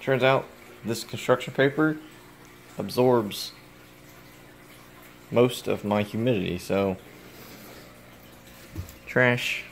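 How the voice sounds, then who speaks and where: A young man with a low, gravelly voice chats through a home vlog about his reptiles. He rambles, cracks jokes and talks straight to the animals. It is caught on a phone, with faint background noise. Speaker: reptile keeper vlogger. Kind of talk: casual vlog. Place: home, indoors. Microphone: phone camera.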